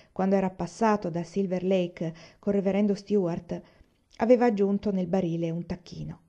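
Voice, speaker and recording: A woman narrates a storybook aloud in a calm, even manner. Her voice is mellow and warm, and the recording sounds dull and slightly lo-fi. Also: mid-range voice. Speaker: reader of a novel.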